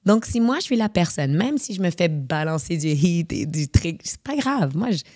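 Woman, coach, from Morocco, dark mellow tone, dry close sound, mixes in English words. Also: fairly low pitch, big pitch swings, normal speed, no room sound. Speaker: guest speaker and coach. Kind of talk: casual interview talk.

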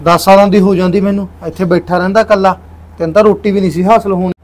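A man's voice: high-pitched, fairly even intonation, quick pace, close to an everyday voice. A young man playing a controlling husband with a secret in a short film, insistent and brusque. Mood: scheming. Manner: insistent, brusque, repeats himself. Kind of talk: Punjabi short film acting.

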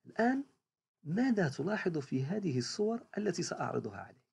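A primary school teacher from Morocco giving a recorded reading lesson to young pupils, repeating each word slowly and praising every answer. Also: medium pitch, very animated, gravelly, darkish tone, slightly rough.

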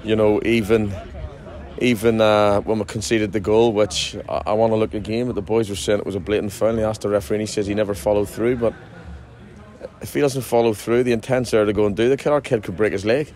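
A man's voice: fairly low pitch, steady tone, quick pace, darkish tone. A man in his forties, a football manager, giving a chatty post-match interview outdoors at a ground at night, restarting sentences often. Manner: chatty, frequent restarts and fillers.

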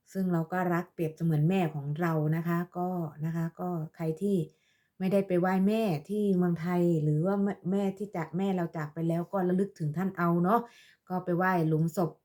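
A woman's voice: on the low side, darkish tone. A woman from Lopburi, talking casually on her vlog and scolding her critic in a sarcastic, mock-motherly way, with polite particles at the end of every phrase. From Thailand, Lopburi. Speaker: vlogger addressing her viewers. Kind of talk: casual live-stream monologue.

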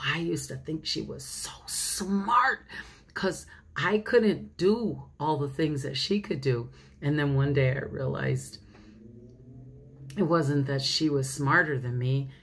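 A woman's voice: very deep voice, husky. A woman pastor reading a children's storybook aloud, chatting straight to the children and laughing often.

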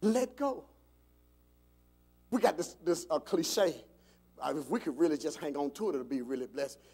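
A pastor preaching an animated sermon in a church, asking the congregation call-and-response questions and building to shouts. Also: male voice, on the high side, a little fast, gravelly, breathy edge. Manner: repeats words, rising to shouts. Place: church sanctuary.

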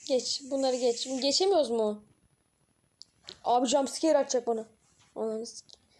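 A young woman doing horror game let's-play commentary, jumpy and excitable, swearing and dropping to low mutters between outbursts. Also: moderate pace. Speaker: gaming channel host.

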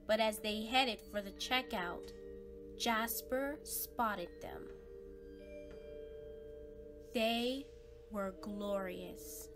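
Over background music, a woman with a medium-pitched voice reads a children's story aloud. She goes very slowly with long pauses, giving the narration dramatic, suspenseful emphasis.

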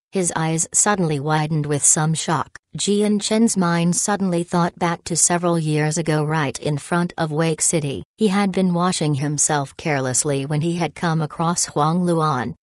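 A woman narrating a fantasy audiobook in a steady, even reading voice. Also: sits low, no echo, clean studio sound. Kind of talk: scripted narration.

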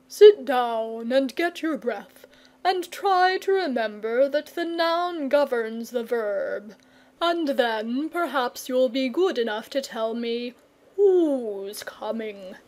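Woman voicing a slow, languid old dragon. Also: a little high, expressive, darkish tone. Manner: slow, drawling, mild. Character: lazy, languid old male dragon, gentle and timid.

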